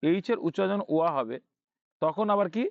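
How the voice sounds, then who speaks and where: A man's voice: high voice, lively intonation, fairly quick, vocal fry, dry recording. Male tutor, raised voice, asks and answers himself, dry dull recording. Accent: Bangladeshi Bengali. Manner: asks and answers his own questions, repeats key points. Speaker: English teacher. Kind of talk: online English grammar lesson.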